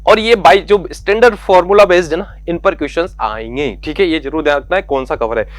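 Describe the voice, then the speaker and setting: A man's voice: fairly high pitch, brisk, no echo. A man teaching maths to school students. He goes through the exam syllabus, coaxes them and repeats the key points. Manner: coaxing, repeats key points, calls students beta and yaar.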